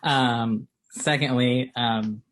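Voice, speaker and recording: A Texan man in his late twenties who co-owns a small clothing company answers interview questions chattily, using lots of fillers and laughing easily. His medium-pitched, slightly bright voice is steady and extremely slow, with a little hiss or hum on the recording.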